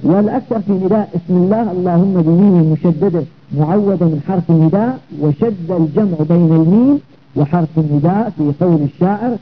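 Man, grammar teacher, high-pitched voice, step-by-step explanation, rhetorical questions, thin phone-like sound. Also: quick pace. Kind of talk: Arabic grammar lesson.

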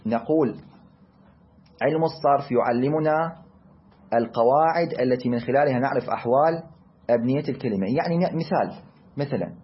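A man with an Iraqi accent teaching a class, speaking deliberately and asking and answering his own questions. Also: medium pitch, slightly rough, muffled recording. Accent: Iraqi Arabic. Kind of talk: classroom lecture.

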